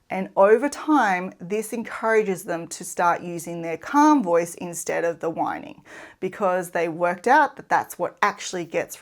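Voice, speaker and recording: A woman talks straight to the viewer in her thirties' easy, measured way. She explains parenting steps calmly and clearly, like a patient teacher walking parents through a plan. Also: medium pitch. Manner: calm, clear, instructive. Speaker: parenting educator. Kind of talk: explainer video to camera.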